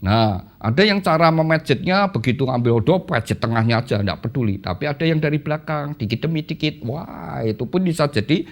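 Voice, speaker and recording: Lively man giving a church teaching. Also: a little fast, few pauses. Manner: lively, addresses listeners as "saudara"; acts out quoted voices with sudden pitch jumps. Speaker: pastor teaching a premarital class.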